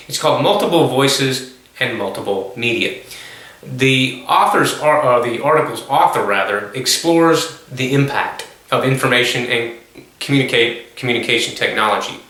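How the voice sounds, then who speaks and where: A male course instructor giving a recorded online lecture, measured and explanatory, with frequent ums and self-corrections. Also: mid-range voice, animated, bright, forceful tone. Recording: very echoey room.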